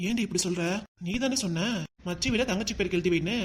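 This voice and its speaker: A performer voicing an exasperated village husband in a cartoon, with a southern Tamil Nadu accent and a complaining manner. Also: female voice, lowish voice, fast, husky. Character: grumbling husband, middle-aged village man. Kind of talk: cartoon voice acting.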